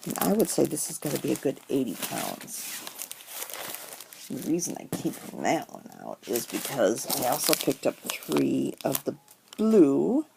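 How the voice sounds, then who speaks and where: A woman's voice: very deep voice, big pitch swings, a little slow, vocal fry. A middle-aged woman chatting casually through a crafting haul, rambling with many ums. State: has the hiccups. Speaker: crafting vlogger. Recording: noisy home recording. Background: paper crinkling and rustling.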